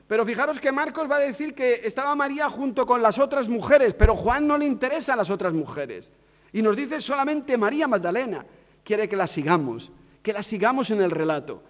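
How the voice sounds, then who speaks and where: A man with an accent from Spain preaches a sermon, his voice high and full of rises and falls. He pushes some words hard and drops others to a near hush. The sound is thin like a phone line, with long reverb from a large hall. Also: a little fast. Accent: Spain Spanish. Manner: expressive, swings between loud emphasis and hushed tones.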